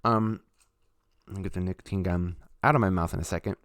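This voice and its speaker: A man's voice: deep voice, fairly even intonation, fast talker, a bit bright, clean tone, no echo, studio quality. A man chatting casually on a live stream as a musician, talking loosely with lots of fillers. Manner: laid-back, rambling, chatty with fillers.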